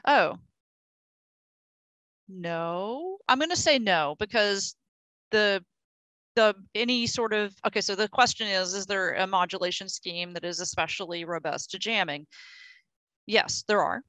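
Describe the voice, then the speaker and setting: A woman's voice: medium pitch, measured pace, pauses often, fairly bright tone, dry recording. A woman explaining technical points on a video call, thinking aloud with frequent restarts and fillers. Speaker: project engineer in a technical meeting. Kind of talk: casual technical discussion.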